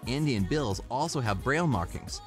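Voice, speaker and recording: A man reads an upbeat, informative script with small jokes dropped in, in the manner of an online list video. His pitch is typical for a man. Faint music runs underneath the narration. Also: lively intonation, normal speed. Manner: upbeat, informative, lightly jokey.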